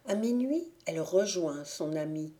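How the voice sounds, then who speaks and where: Slow, mellow woman reading a fairy tale. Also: on the low side. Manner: slow, even storytelling. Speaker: audiobook reader.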